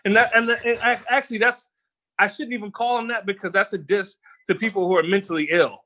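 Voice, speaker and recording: This is a guest rapper, a middle-aged man from Philadelphia, swapping stories in a laid-back interview while cooking at home in the kitchen. Fairly quick and high-voiced, he laughs a lot and swears without holding back, telling his tales with animation.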